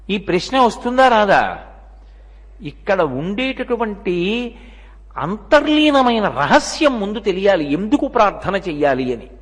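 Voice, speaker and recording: High-voiced older man giving a discourse. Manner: rhetorical questions, animated storytelling. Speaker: spiritual discourse speaker. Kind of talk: religious discourse. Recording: long hall reverb.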